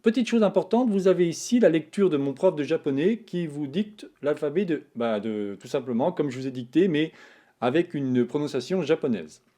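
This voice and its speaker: A man explains a lesson in an easygoing, talkative way, narrating over his screen as he writes. His voice is dark and mellow but sits a little high, and it rises and falls a lot. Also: normal speed. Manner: relaxed, chatty, talks while drawing strokes. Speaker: Japanese teacher, channel host. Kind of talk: casual screen-tablet writing tutorial.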